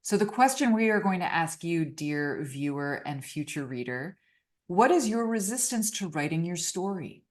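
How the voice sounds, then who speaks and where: A woman co-author hosting a book launch video, talking in a quick, chatty, upbeat way with casual fillers. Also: fairly low pitch, sing-song. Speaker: co-author and host.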